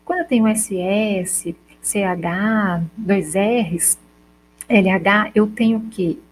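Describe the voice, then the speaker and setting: A woman teacher with a Brazilian accent explaining a lesson step by step, slowly sounding out example words and checking in with her students. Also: mid-range voice, a little hiss or hum, poor audio. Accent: Brazilian Portuguese. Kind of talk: recorded school lesson.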